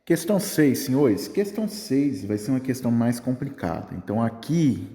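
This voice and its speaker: A man's voice: medium pitch, lively intonation, moderate pace, warm tone. Chatty male physics teacher in an echoey room. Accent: Brazilian Portuguese. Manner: chatty, keeps checking in with "tá?". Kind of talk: casual exam-prep lesson. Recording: echoey room with long reverb.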